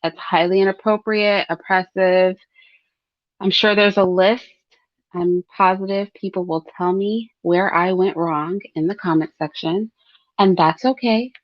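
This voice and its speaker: A woman talks through her opinions in an informal, conversational way, addressing listeners directly and checking in with tag questions. Her pitch is average for a woman. The recording is dry and slightly muffled, with very little room sound. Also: fairly even intonation, unhurried, no echo. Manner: frequent throat clearing. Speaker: host of a commentary livestream. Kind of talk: conversational solo opinion commentary.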